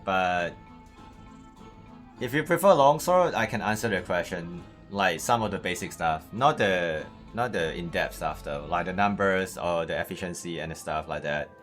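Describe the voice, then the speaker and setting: A man's voice: deep voice, lively intonation, moderate pace, fairly bright tone. A man with a Malaysian accent chatting casually on a gaming livestream, hesitant and often repeating his words. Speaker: game streamer, host. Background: music.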